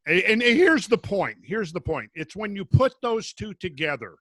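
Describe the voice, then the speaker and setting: A man's voice: high-pitched, very animated, normal speed, sharp tone, dry recording. A man with a Minnesota accent chatting casually on a podcast, jokey and self-mocking. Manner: jokey, playful self-mockery. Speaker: podcast regular.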